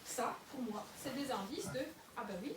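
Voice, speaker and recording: A young woman gives a public lecture with a fairly high voice, pausing often on fillers and restarting her sentences. She sounds far from the mic in an echoey room. Steady noise runs under her voice. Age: young adult. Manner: hesitant, many fillers and restarts.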